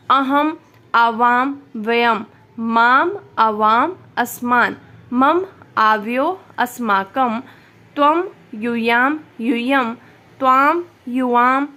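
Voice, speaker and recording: A woman's voice: on the high side, a bit bright. A woman teacher, patiently explaining a textbook lesson to students and repeating each answer.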